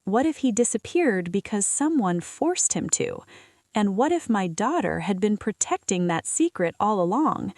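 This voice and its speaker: A woman's voice: medium pitch, very animated, moderate pace, darkish tone, no echo, clean studio sound. A woman narrating a scripted, emotional first-person story as a storyteller.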